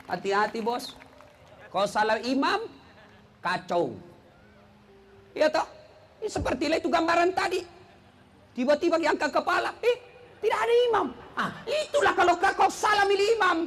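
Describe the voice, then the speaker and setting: A man from South Sulawesi giving a humorous sermon, joking and acting out characters, dropping low for punchlines. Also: animated, normal speed, pauses often, a bit bright, slight background noise. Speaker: preacher.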